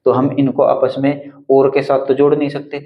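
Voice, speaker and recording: A man teaching a Hindi grammar lesson for exam preparation, explaining rules step by step, often checking in with the class and reading example sentences slowly. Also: medium pitch, monotone, lo-fi sound.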